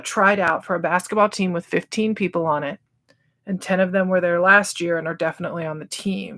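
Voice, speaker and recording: A woman's voice: lowish voice, a bit bright. A woman in her thirties, a nurse educator, giving casual advice in a chatty way, full of fillers and acting out people's inner thoughts. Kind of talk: casual advice talk to camera.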